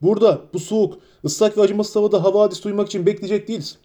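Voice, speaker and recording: A man's voice: sits high, steady tone, racing, warm tone, pitched above the performer's own voice, lightly acted. A man doing a curt, wary gatekeeper. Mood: guarded. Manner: curt, guarded. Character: wary, gruff male gatekeeper. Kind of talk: audiobook character voice.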